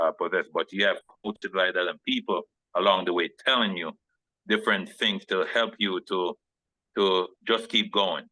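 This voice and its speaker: A man's voice: deep voice, bright, forceful tone, dry recording, poor audio. A man who is a former football player, telling a rambling story as a guest on a video call, with many restarts and small laughs.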